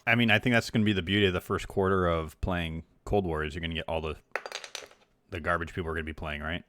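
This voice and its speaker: A man co-hosting a gaming podcast, telling stories in a relaxed way with quick bursts when excited. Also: deep voice, a little hiss or hum. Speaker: podcast co-host. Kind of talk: casual gaming chat.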